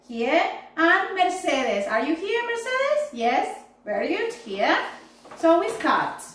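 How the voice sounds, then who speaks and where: A woman's voice: very high-pitched, sing-song, far from the mic, heavy background noise. Woman teaching kids in an echoey room. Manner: slow, drawn-out model phrases for repetition; answers for the unseen pupils herself. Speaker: English teacher for young children. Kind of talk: online class video, mixing Spanish and English. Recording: very echoey room, voice a bit off-mic.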